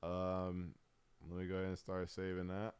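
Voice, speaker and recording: Chill guy streaming, rambly and slangy, low smooth voice, dry close sound. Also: completely flat delivery, normal speed, a little mellow, no room sound. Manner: laid-back, rambling, frequent "um" and slang. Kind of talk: casual tier-list commentary.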